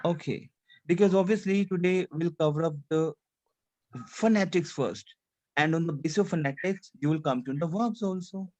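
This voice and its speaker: A language teacher drilling French pronunciation in English with French phrases mixed in. The delivery is repetitive and insistent, asking "clear?" after nearly every point. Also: mid-range voice, moderate pace, a little mellow. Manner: repeats phrases, checks understanding with "C'est clair? D'accord?"; mixes English with French phrases and a little Hindi. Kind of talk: online language class.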